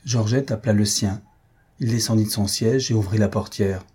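A man narrating a classic story in a steady audiobook reading. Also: fairly low pitch, moderate pace, breathy edge.

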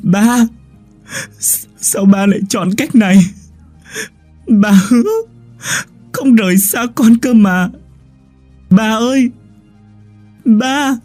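A man's voice: sits high, takes it slowly, long pauses, a little mellow, soft background music, voice pushed up. A man voicing a wailing, sobbing young woman. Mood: grieving. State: crying. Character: grieving young woman sobbing for her father.

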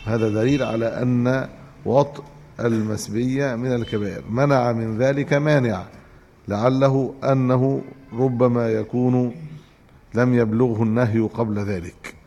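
A man with an Egyptian Arabic accent giving a religious lesson, reading a text aloud and explaining it in a measured way. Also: medium pitch, fairly even intonation, dark tone, big-room sound, lo-fi sound, soft background music. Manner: measured, explanatory, restarts to correct himself. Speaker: Islamic scholar teaching hadith.

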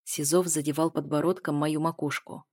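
A woman reading a novel aloud as a first-person narrator, in an even storytelling manner. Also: sits low, moderate pace. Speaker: audiobook narrator.

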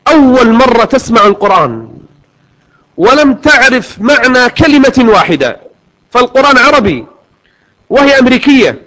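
A man preaching a sermon in an earnest tone, stretching recited verses out slowly. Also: very high voice, big pitch swings, pushed and bright, poor audio.

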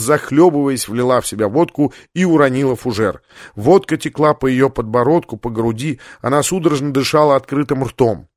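A man narrates a novel in an even, measured storytelling voice of middle pitch. The recording is dry and close, with no room sound. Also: no room sound. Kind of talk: audiobook narration.

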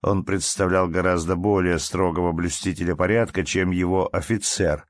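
A man reads a classic story aloud in a measured, even manner. His voice sits fairly low. The recording is dry and close. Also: no echo. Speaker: audiobook narrator. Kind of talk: scripted literary narration.

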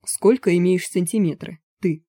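A woman voicing an eager Danish foreign man who speaks in halting, broken grammar. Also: fairly low pitch, dark tone, breathy edge, dry recording. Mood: insistent.

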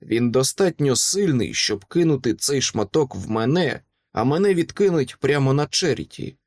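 A man's voice: mid-range voice, expressive, moderate pace, darkish tone, no echo. A man reading a dramatic first-person audiobook narration with vivid delivery.

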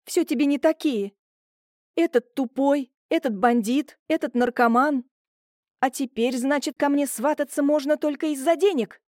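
In an audiobook, a tearful young woman protests in a high, shrill, pleading voice, as a woman acts her. Her tone stays dark and mellow, and the recording is dry and close. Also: a little slow, no echo. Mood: upset. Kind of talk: audiobook character voicing.

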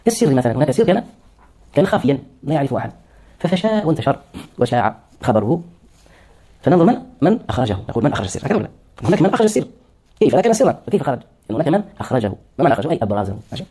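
A man's voice: mid-range voice, big pitch swings, very fast, dark tone, breathy edge. A man lecturing on hadith terminology, explaining words one by one and answering his own questions. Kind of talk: classroom lecture.

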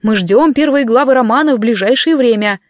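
A woman's voice: fairly high pitch, a little fast, no echo, clean studio sound, lightly acted. Woman doing a fawning, pushy publisher. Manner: fawning, insistent. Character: flattering male publisher, eager and pushy.

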